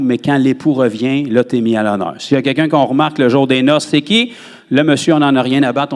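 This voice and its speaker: A man with a Québécois French accent, preaching a sermon in a church and jumping up in pitch on words he stresses. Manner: animated preaching, rises sharply on emphasized words. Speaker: pastor.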